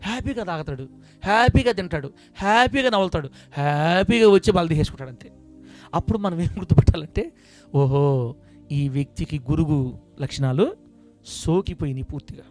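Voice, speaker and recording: A man with a high voice preaches a sermon to a church congregation. His delivery swings from quiet, confiding asides to loud, emphatic bursts. Soft music plays faintly behind him. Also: animated, brisk, long pauses. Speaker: pastor. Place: church service before a congregation.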